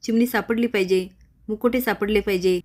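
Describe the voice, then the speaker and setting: A woman's voice: medium pitch, steady tone, fairly quick, lightly acted. Woman voicing a worried, insistent man. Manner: shouting, insistent. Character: anxious, angry male official searching for his sister.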